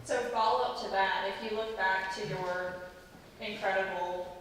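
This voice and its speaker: A woman's voice: mid-range voice, steady tone, measured pace, fairly bright tone, slight background noise. A woman hosting a casual interview, asking questions with brief prompts and short affirming replies. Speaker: interviewer, host. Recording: distant voice in a very echoey room.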